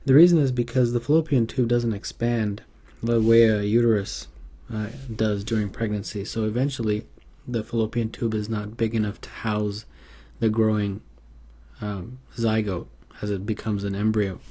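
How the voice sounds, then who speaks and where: Low, mellow male tutor with many fillers. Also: fairly even intonation, moderate pace. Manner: hesitant, many fillers and restarts. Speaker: medical exam tutor. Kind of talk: unscripted instructional lecture.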